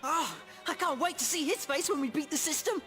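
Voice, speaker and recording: A woman's voice: high voice, lively intonation, brisk, over music. A woman voicing a cheeky, cocky young boy in a cartoon, brash and eager for adventure. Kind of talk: animated cartoon voice acting.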